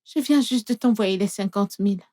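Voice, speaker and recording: A woman dubbing a clingy, sweet young woman who coos softly at her lover in a French film dub. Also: medium pitch, moderate pace, lightly acted. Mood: cooing. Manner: soft, cooing, affectionate.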